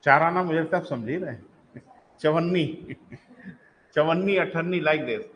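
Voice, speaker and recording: Man, Hindi accent, geography teacher, live online class, high voice, quizzes students and answers himself, faint background noise. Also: brisk, fairly bright tone, low-quality recording. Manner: calls students "beta", asks and answers his own questions.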